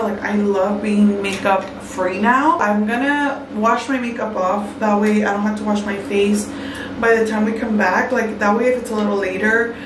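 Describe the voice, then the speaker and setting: A woman talks her way through a skincare routine in a relaxed, chatty way. She leans on "like" and drops Spanish phrases into her English. The small bathroom gives her voice a noticeable echo, and there is a steady background noise. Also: mid-range voice. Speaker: vlogger. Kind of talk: casual skincare vlog chat. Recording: echoey room with background noise.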